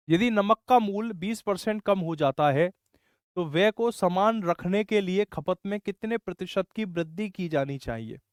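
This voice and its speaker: A man's voice: high-pitched, clean tone, dry recording, studio quality. A man teaching a maths class online, explaining step by step and scolding students who get stuck. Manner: scolding, explains step by step, says bhai often.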